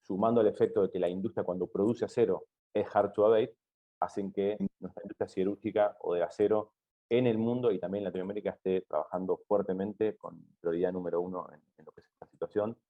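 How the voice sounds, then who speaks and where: A man speaking as an industry panelist, explaining his points at a conference in a husky voice. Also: low-pitched, fairly even intonation, quick pace. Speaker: steel industry representative, panelist. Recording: dull, lo-fi sound.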